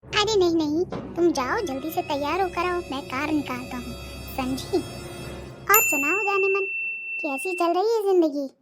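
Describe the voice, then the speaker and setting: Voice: extremely high pitch, unhurried, over music. A voice artist playing a henpecked older cartoon husband who teases his wife and complains about her. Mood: joking. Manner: mocking, wheedling, complaining. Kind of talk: cartoon voice acting.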